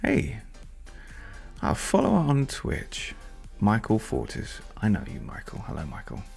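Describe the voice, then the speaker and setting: A man's voice: on the low side, wildly swooping pitch, a little slow, gravelly, darkish tone, soft background music. A man thinking aloud and rambling as he codes on a casual live stream. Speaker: software developer live-streaming.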